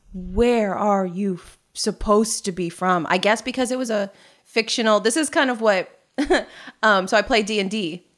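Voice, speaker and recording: A woman's voice: medium pitch, fairly bright tone. A woman co-hosting a podcast in casual chat, talking in a chatty, filler-heavy way as she muses aloud. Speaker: podcast co-host.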